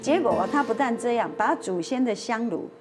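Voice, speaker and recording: A woman's voice: fairly high pitch, expressive, moderate pace, over loud music. A woman with a Taiwanese accent telling a dramatic anecdote on a talk show, acting out the quoted voices and slipping into Hokkien phrases. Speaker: storyteller guest on a talk show.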